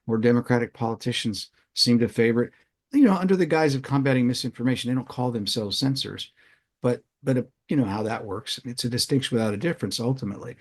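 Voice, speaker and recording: A man's voice: medium pitch, quick pace. An older man hosting a podcast interview, asking long, rambling questions full of restarts. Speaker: interviewer, show host.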